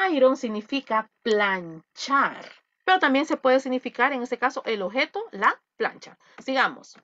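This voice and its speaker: A woman's voice: mid-range voice, a bit bright. A woman teaching an English vocabulary class over a video call, explaining patiently and drilling words with playful asides. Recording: dull lo-fi video call audio.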